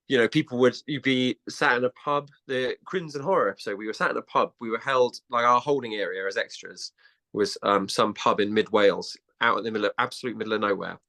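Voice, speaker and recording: A man, a podcast guest chatting and telling stories in an animated way, often restarting sentences. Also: medium pitch, fairly quick, creaky. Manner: animated storytelling with many restarts. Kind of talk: casual chat.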